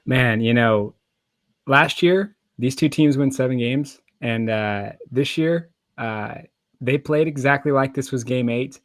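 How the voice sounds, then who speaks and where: A man's voice: medium pitch, unhurried, no echo. A man co-hosting a sports podcast, giving casual analysis and opinions in loose conversational phrasing. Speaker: podcast co-host.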